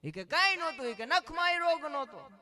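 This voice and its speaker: Animated, bright-voiced comedian. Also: male voice, extremely high pitch, fairly quick. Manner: animated joke-telling with quoted voices. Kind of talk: stand-up storytelling.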